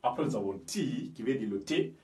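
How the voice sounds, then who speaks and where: A man's voice: medium pitch, animated, warm tone. A man from Guinea teaching English pronunciation, explaining word by word and often asking if the listener understands. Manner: explains slowly, checks understanding with "you understand me?"; switches between French and English. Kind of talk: pronunciation lesson.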